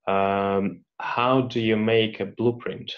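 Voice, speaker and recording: A mechanical engineer, male and a native Russian speaker, takes his time answering read-out questions in a career Q&A. His low, flat voice comes with hesitation, many restarts and fillers, and the recording is dull and lo-fi.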